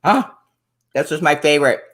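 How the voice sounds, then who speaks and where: A woman's voice: sits low, normal speed. A middle-aged woman hosting a casual interview, praising products with upbeat enthusiasm. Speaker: host.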